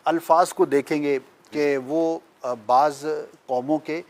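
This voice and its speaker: A man's voice: a little high, steady tone, a little mellow. Man explaining pronunciation patiently. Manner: lecturing, patient, emphatic on pronunciation. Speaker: guest speaker. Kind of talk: explanatory talk-show discussion.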